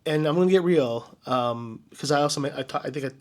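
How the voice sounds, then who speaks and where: Halting, earnest American man vlogging. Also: a little high. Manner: halting and searching, many restarts and fillers; earnest, quietly emotional. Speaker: vlogger and DJ entertainer. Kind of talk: personal reflective vlog storytelling.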